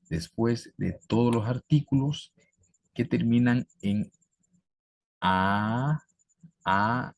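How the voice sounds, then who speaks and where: Low gravelly male language teacher. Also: a little mellow, dry recording. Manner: repeats and spells out example words slowly. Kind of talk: classroom-style explanation.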